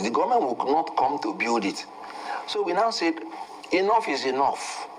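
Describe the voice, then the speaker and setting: A Nigerian man speaking as a guest in a heated political interview, shifting from low, measured talk to loud, fiery outbursts. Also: a little hiss or hum, rough recording.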